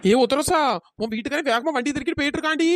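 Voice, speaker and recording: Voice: high-pitched, very fast, a bit bright, no room sound, clean studio sound. A performer voicing a grumbling woman friend in a cartoon, whiny and sarcastic. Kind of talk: cartoon comedy voice acting.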